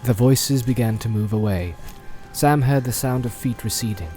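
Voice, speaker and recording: A man narrating an audiobook in a measured storytelling manner. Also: medium pitch, dark tone, soft background music. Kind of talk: scripted narration.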